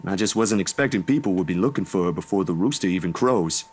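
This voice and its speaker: A man voicing a drowsy young man woken too early, talking in a plain, rough everyday way. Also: sits low, expressive, fast talker. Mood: earnest. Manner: drowsy, grumbling, then earnest. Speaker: character dialogue in a visual novel voice dub.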